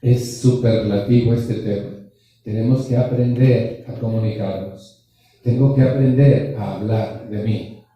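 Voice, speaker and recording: A man's voice: medium pitch, fairly even intonation, unhurried, warm tone, muffled recording. A man giving a joking, blunt motivational talk to a group, full of rhetorical questions and slang. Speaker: speaker at a support group anniversary. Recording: echoey hall, distant mic.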